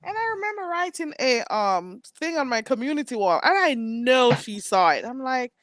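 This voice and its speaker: A woman's voice: high-pitched, very animated, normal speed, a bit bright, no room sound. A woman hosting a live stream, her voice rising and falling a lot as she chats and tells stories. She sounds a little stuffed up, and the recording is dry and close. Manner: chatty storytelling, laughs often. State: stuffy nose. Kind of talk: casual live chat.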